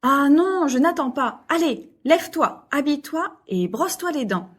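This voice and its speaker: Woman with a high voice doing a learner skit, brisk and bossy. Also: sing-song. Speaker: voice actor in learner dialogues. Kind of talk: scripted dialogue for learners.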